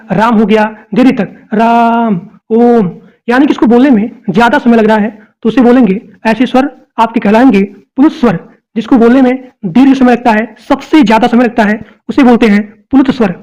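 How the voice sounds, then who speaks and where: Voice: medium pitch, darkish tone, muffled recording. A teacher giving an exam-prep lecture, explaining each point and repeating it while speaking directly to the students.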